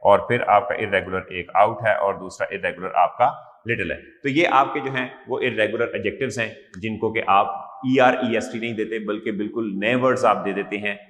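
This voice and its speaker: A man with a Pakistani English accent teaching an English grammar lecture, explaining in Hindi-Urdu and slowly drilling English word forms while writing on a board. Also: fairly low pitch, fairly even intonation, fairly bright tone. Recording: echoey room with long reverb.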